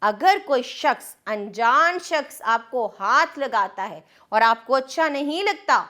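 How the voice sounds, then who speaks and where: A woman's voice: sits high, expressive, slow, pushed and bright. A woman teacher with a Pakistani Urdu accent, patiently leading a children's reading lesson and sounding out syllables in a coaxing tone. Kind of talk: slow, patient classroom instruction.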